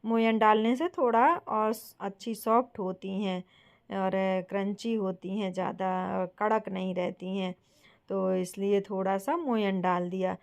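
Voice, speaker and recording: Woman, young adult, from bundelkhand, cooking vlog host, gentle step-by-step explaining, mid-pitched voice. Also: steady tone, unhurried, creaky. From Bundelkhand, India. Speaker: home cooking channel host. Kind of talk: casual cooking tutorial.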